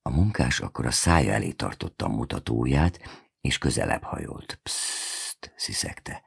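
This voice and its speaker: A man narrating a novel in the first person, with a measured, unhurried storytelling manner. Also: very deep voice, big pitch swings, creaky, breathy edge. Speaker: audiobook reader.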